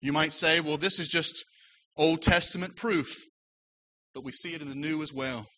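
A man's voice: fairly high pitch, fairly even intonation, normal speed, sharp tone, low-quality recording. A man who is a pastor, preaching a sermon earnestly with emphatic rises.

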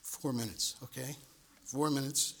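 Preaching into a pulpit mic in church, a man speaks deliberately with a steady, gravelly, somewhat bright tone. He repeats words and rises to emphatic high points.

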